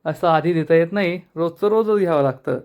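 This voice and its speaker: A man's voice: fairly high pitch, fairly quick, a little mellow, natural voice. A man doing a firm caring young woman.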